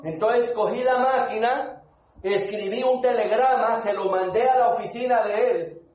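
A man preaching a testimony sermon, emphatic, slowing down to stress his points and calling out to the congregation. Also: very high-pitched, steady tone, darkish tone, roomy sound, low-quality recording. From Colombia. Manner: calls out to congregation.

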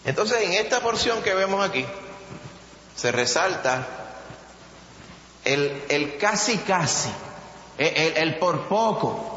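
A man with a Puerto Rican Spanish accent preaching a sermon, animated, acting out quotes with a rising voice. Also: high-pitched, slow, long pauses. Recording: echoey hall, dull sound, faint noise.

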